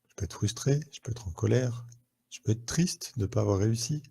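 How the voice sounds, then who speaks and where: A man's voice: lowish voice, fairly quick, creaky, dark tone, husky. A French man, a therapist, hosting a live online talk to viewers, conversational and full of questions and fillers, on a headset mic.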